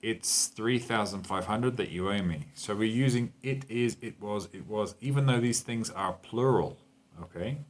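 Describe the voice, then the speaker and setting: A man's voice: lowish voice, moderate pace. A man teaching a grammar lesson to Spanish speakers, explaining patiently and checking in with "okay?" and "right?". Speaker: English teacher.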